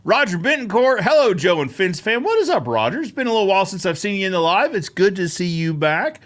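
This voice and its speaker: A man's voice: high voice, big pitch swings, fast talker, a bit bright. A man hosting a casual live-stream Q&A, upbeat and chatty, greeting viewers by name between answers. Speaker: host of a live Q&A show.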